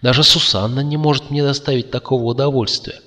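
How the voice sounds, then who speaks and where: A man's voice: medium pitch, steady tone, fast talker, sharp tone, voice pushed up, natural voice. A man voicing a pushy, boastful, whimsical young woman, speaking in a raised, insistent tone. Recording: long reverb.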